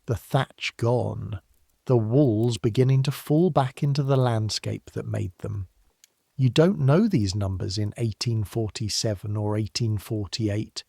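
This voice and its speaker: A man narrating a history story for sleep in the second person, measured, unhurried and softly grave. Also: mid-range voice, gravelly, breathy edge, no echo, clean studio sound.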